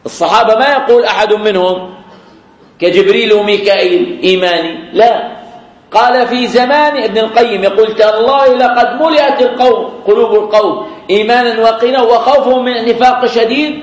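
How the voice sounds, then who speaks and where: A man preaching a sermon in a mosque after prayer, repeating key phrases and drawing out his quotations slowly. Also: sits high. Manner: repeats key phrases, slow drawn-out quoting. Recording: echoey prayer hall.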